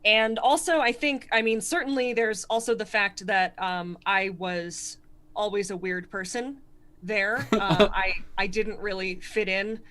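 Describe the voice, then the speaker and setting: A stand-up comedian from Connecticut, USA, a woman with a Connecticut accent, talks fast and articulately in a casual interview, often laughing and poking fun at herself. Her mid-range voice is steady and a bit bright.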